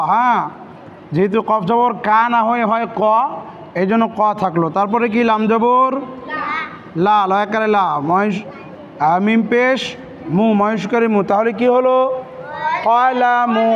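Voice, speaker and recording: A man teaching children a pronunciation lesson, spelling letters and repeating each word, and asking questions before answering them himself. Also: sits high. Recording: dull lo-fi with loud noise.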